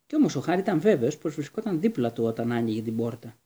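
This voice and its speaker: A man narrating a storybook in a steady, measured reading. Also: mid-range voice, husky. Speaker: audiobook narrator.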